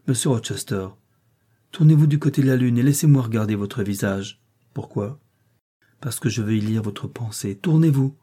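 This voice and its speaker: A man's voice: mid-range voice, moderate pace, warm tone, husky, close to an everyday voice. A man reading the part of an earnest, doubting young governess in an audiobook.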